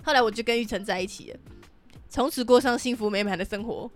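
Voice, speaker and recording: A woman's voice: fairly high pitch, fast, soft background music. A young woman hosting a podcast, telling stories bluntly with swearing and laughter. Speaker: podcast host. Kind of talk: casual storytelling chat.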